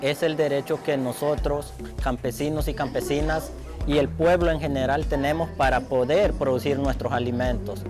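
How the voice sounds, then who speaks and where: A man's voice: mid-range voice, fairly even intonation, normal speed, over music. A man, a farmer delegate, giving an earnest, plain-spoken interview statement.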